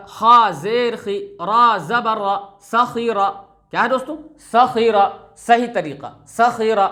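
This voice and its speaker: A high-voiced man teaching a step-by-step reading lesson. He spells out syllables slowly and deliberately. Then he quizzes the listener and answers his own questions. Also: sharp tone.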